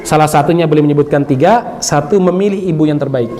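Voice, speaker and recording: High-voiced, humorous middle-aged preacher. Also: male voice, fast talker, slight background noise. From Bima, Indonesia. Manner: lively and humorous, often laughing and acting out dialogue. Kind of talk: religious lecture with casual storytelling.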